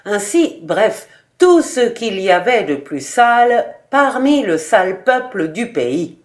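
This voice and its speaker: A woman narrating a literary short story in a measured, expressive way. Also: mid-range voice.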